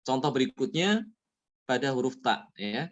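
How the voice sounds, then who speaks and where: A man teaching Quran recitation rules, explaining each rule and then reciting the examples slowly and melodically. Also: medium pitch, very animated, lo-fi sound. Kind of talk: tajwid lesson.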